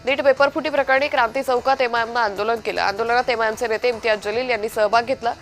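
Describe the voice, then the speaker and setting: A woman reading a fast news bulletin as anchor, in a brisk, even headline delivery. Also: on the high side, soft background music. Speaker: news reader.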